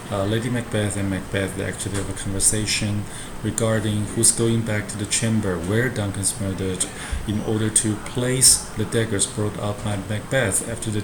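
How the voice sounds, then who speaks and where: Man, university lecturer, professor explaining a text, lowish pitch, frequent tag questions, noticeable background noise. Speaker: university lecturer teaching a Shakespeare class. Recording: roomy echo with clear background noise.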